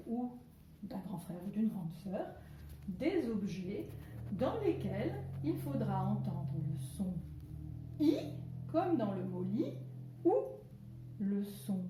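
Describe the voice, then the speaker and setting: A woman teacher giving a video lesson to young children from home, speaking slowly and articulating carefully, with playful exclamations. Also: mid-range voice, dark tone, slight background noise. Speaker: primary school teacher. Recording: echoey room.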